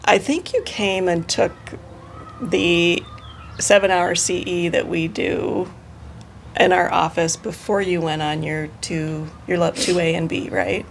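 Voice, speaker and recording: A middle-aged woman hosting an interview, brisk and asking follow-up questions. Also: fairly low pitch, steady tone, gravelly, slight background noise. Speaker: podcast host, therapist and educator. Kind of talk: casual podcast interview.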